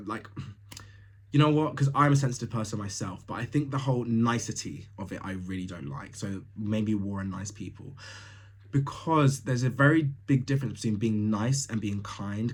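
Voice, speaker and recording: On his solo podcast, the young host from Tanzania is blunt and casual, with frequent laughter and plenty of fillers. He has a fairly low-pitched, breathy-edged male voice.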